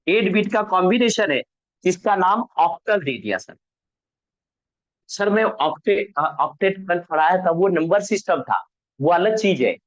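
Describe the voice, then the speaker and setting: A man teaches a networking class online, posing questions to the class, answering them himself and correcting his own slips. His high-pitched voice is animated and unhurried, and the audio has its highs cut off.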